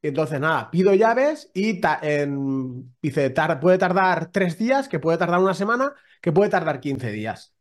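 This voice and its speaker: On a casual podcast, a male co-host spins a long story, performing the dialogue himself. His delivery is sing-song and unhurried with hardly any pauses, his pitch rising and falling widely.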